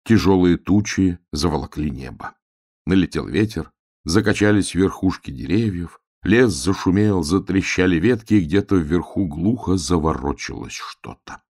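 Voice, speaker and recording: A man narrating a children's storybook in a calm, measured way. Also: low voice.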